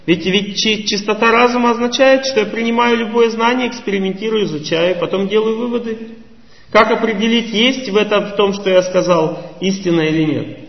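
A high-voiced man gives a slow religious lecture in a teacherly way, putting questions to his listeners like a spiritual lecturer. He sits far from the microphone in a hall with a long echo, and the audio comes across muffled and dull.

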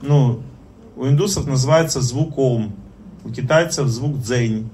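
A man giving an informal spoken lesson on prayer as a spiritual teacher, halting, with many fillers and pauses. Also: medium pitch, darkish tone, a little hiss or hum.

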